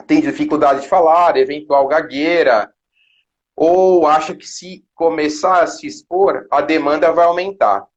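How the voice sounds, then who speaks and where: A Brazilian man hosting a live interview, asking long, smoothly framed questions over a video call. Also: fairly high pitch, dull audio. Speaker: host.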